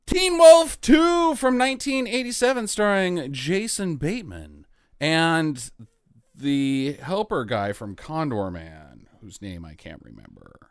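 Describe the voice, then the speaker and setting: A man hosting a podcast in casual, sarcastic banter, his voice squeaking upward at the ends of phrases. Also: expressive, slow, smooth, dry recording, clean studio sound. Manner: sarcastic, teasing, profane. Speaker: podcast host.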